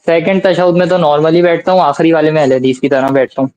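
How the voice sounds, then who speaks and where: Hesitant male caller with a mellow tone. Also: fairly high pitch, steady tone. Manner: defensive, hesitant, restarts answers. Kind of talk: live debate call-in.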